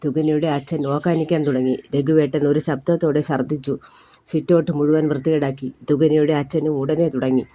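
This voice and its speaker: A woman reading a short story aloud at a steady storybook pace. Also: low-pitched, normal speed.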